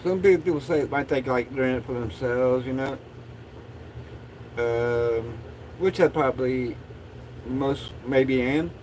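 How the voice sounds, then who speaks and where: A man's voice: medium pitch, unhurried, long pauses, a little mellow, slight background noise, poor audio. A man chatting casually as a livestream host in a laid-back, rambling stoner drawl.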